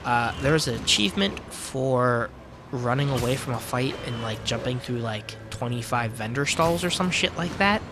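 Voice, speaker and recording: A man's voice: medium pitch, animated, moderate pace, music in the background. A man casually commentating his gameplay, chatty and offhand with frequent swearing. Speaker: let's play host.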